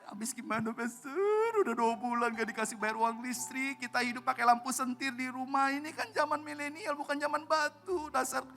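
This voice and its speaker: A man's voice: extremely high pitch, a little fast, vocal fry, few pauses, sharp tone, faint music behind, pitched above the performer's own voice, exaggerated voice. A man doing a whiny, exasperated housewife. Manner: whiny, complaining. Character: exasperated housewife complaining about her husband.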